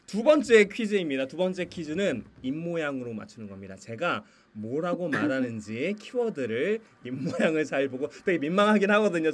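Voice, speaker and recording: Guy teaching sunday school teachers over a video call, high voice, really animated. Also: slight background noise. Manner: lively, laughs often, teasing game voice. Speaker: Sunday school curriculum presenter. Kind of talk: online teacher training. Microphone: computer mic on a video call.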